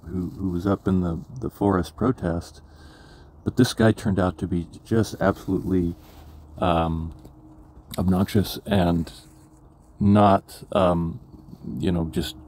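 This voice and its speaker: Older man with a very low voice. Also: darkish tone, slight background noise. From California. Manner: rambling, many fillers and restarts. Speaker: memoir vlogger. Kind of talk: casual personal storytelling.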